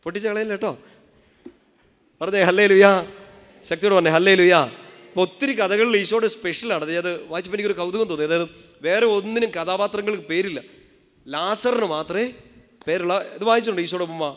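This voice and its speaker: A man's voice: high-pitched, fast talker. A male priest preaching a rousing sermon at a convention, calling the crowd to respond and quizzing them playfully. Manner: rousing, calls the crowd to say hallelujah. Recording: hall reverb.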